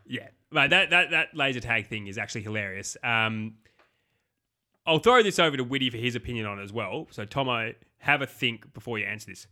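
A man co-hosting a relaxed film podcast, talking in a bright, pushing tone. He is animated, curses a lot and jumps into little impressions of scenes. His pitch sits in an ordinary middle range. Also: brisk. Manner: animated, swears freely, acts out scenes. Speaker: podcast co-host. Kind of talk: casual film discussion.

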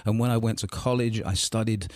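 A man hosting a radio interview show, slightly hoarse, praising his guest effusively. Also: lowish voice, fairly even intonation, brisk, a little mellow, dry recording.

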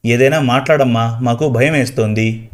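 A man's voice: medium pitch, normal speed, lightly acted. A man voicing a grieving middle-aged son in a spoken story, weary and pleading.

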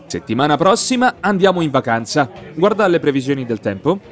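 A man's voice: a little high, big pitch swings, brisk. A man playing an eager holidaymaker. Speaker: dialogue actor. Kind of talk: scripted language-course dialogue.

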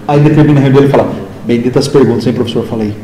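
A man's voice: medium pitch, very fast. A man in his fifties from the interior of São Paulo, a literature teacher telling stories in a casual interview and acting out dialogue. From interior of São Paulo state, Brazil. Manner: animated, acts out dialogue in other voices. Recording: roomy echoing room.

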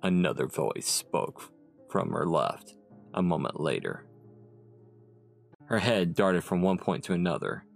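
Deep gravelly male narrator. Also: sing-song, unhurried, long pauses. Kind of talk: dramatic audiobook narration. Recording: narration over soft music.

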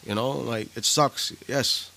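A man's voice: mid-range voice, fairly even intonation, takes it slowly, vocal fry, sharp tone. A man co-hosting a podcast, talking candidly and from the heart, often repeating himself. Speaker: podcast co-host. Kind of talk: casual chat.

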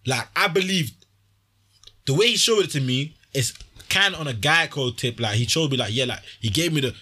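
Bright, husky young London roadman. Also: medium pitch, moderate pace. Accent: London roadman (Multicultural London English). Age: young adult. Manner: animated retelling, heavy street slang, repeated "like". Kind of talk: casual chat, slangy storytelling.

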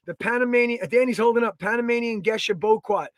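A man, co-hosting a podcast in energetic, rambling casual chat. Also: very high voice, quick pace, no echo, clean studio sound. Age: 30s. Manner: energetic, rambling, plugs products. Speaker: podcast co-host.

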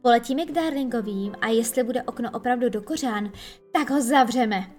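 A cocky, sulky storybook boy who sneers at grown-ups, as a woman reader puts him on. The voice sits high and lively, with faint music beneath. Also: close to an everyday voice. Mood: scornful. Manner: scornful, boastful.

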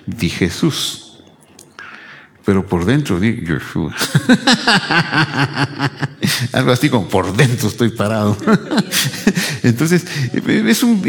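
A man's voice: on the low side, gravelly. A man preaching a teaching sermon, repeating key phrases and asking rhetorical questions. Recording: long hall reverb.

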